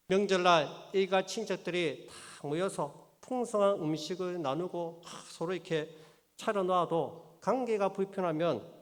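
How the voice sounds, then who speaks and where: Preaching pastor in a reverberant church. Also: male voice, high voice. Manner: preaching with rhetorical questions to the congregation. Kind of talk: sermon. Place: church sanctuary. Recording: long church hall reverb.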